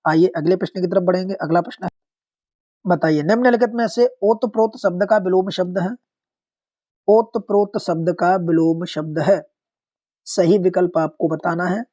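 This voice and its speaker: Exam-prep language teacher, mellow, step-by-step, repeats each answer; muffled lo-fi audio. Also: medium pitch, moderate pace. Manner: methodical, repeats each corrected word, addresses students directly. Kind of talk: exam-prep lesson going through practice questions. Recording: dull lo-fi recording.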